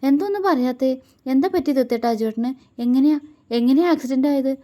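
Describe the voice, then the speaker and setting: Woman voicing a high anxious young wife. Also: fast talker, darkish tone, lightly acted. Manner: high, anxious, sulky pleading. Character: young woman, emotional, easily hurt wife.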